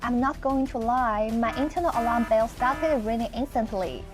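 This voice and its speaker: A woman from mainland China with a mainland Chinese accent, narrating a travel vlog with lively storytelling. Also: on the high side, moderate pace, over music. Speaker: travel vlogger.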